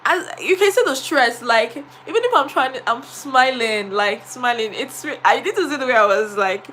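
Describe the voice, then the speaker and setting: Nigerian woman, live-stream chat, lots of fillers, slightly high voice, animated storytelling. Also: moderate pace, slight background noise. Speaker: vlogger and teacher.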